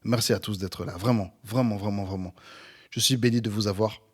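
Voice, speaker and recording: A man's voice: lowish voice, brisk, breathy edge. Upbeat man in his forties, pastor. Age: 40s. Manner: energetic, upbeat, animated. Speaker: pastor and podcast host. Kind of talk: podcast sermon. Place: at home near an airport, planes passing.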